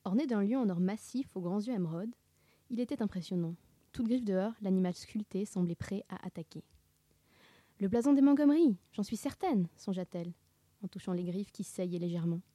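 A woman reading a children's book aloud, expressive and dramatic, sometimes dropping to a hush. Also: mid-range voice, a little fast, no echo. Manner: expressive, dramatic narration with hushed whispers. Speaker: reader.

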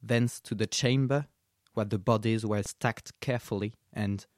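Low-voiced man reading aloud calmly. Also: a little slow, no room sound, studio quality. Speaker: radio guest reader.

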